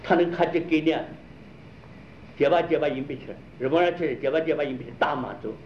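A man with a fairly high voice talks fast as he explains a problem, drilling his points by repeatedly quizzing listeners with rhetorical questions. The recording is dull and lo-fi with faint noise.

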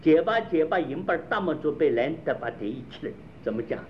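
A man's animated, slightly high voice moves a little fast as he lays out a problem. Rhetorical questions come again and again to drill his points, all in a dull lo-fi recording with faint noise.

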